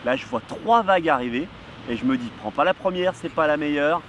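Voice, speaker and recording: A man, casually telling a kitesurfing story outdoors, animated and full of fillers. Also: fairly high pitch, a little fast, a little hiss or hum. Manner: lively, animated, heavy on fillers. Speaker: kitesurf vlogger. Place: outdoors near a surf spot.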